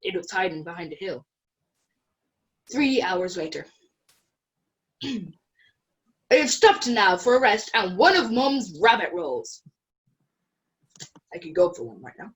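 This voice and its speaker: A woman's voice: mid-range voice, lively intonation, takes it slowly, long pauses, pitched below the performer's own voice, poor audio. A woman voicing a cheerful young male wolf cub, reading out a storybook letter in a chatty, matter-of-fact way.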